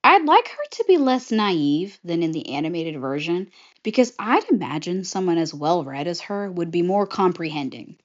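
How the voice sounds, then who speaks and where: Animated woman pitching a movie idea. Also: moderate pace. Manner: animated, chatty, jumps into character voices. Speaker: vlogger pitching a film idea. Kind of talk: casual retelling of a movie pitch. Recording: slightly muffled lo-fi audio.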